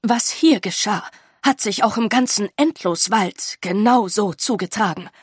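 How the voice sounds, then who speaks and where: A woman voicing a calm, grave older female teacher who explains in a measured, earnest way. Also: fairly high pitch, husky, dry recording, studio quality.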